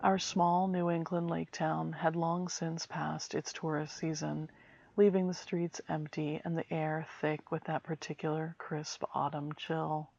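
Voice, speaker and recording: A woman with a low voice narrates a horror story with quiet dread. Her delivery is hushed and suspenseful, staying very even in pitch. The recording sounds slightly dull and muffled. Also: unhurried, creaky. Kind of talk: scripted first-person horror story narration.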